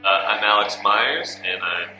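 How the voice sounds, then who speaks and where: A man's voice: lowish voice, unhurried. A twenty-three-year-old man speaking hesitantly in a seated interview. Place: studio with gray backdrop. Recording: roomy studio with faint music.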